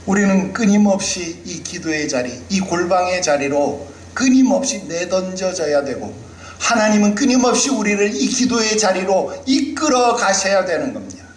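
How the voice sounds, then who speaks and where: A man's voice: sits high, sing-song, normal speed, roomy sound, a little hiss or hum, low-quality recording. A male pastor preaching a sermon with emphasis, often putting rhetorical questions to the congregation.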